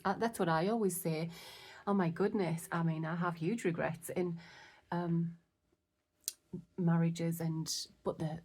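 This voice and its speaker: A woman giving a casual tarot reading, chatty and excitable, often dropping into soft whispers. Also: lowish voice, husky. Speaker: tarot reader.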